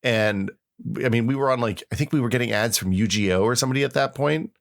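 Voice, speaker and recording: Talking fast in a creaky, mid-range voice, this man hosts a podcast full of casual chat, reminiscing and reading aloud. He tells his stories informally and with wry exaggeration.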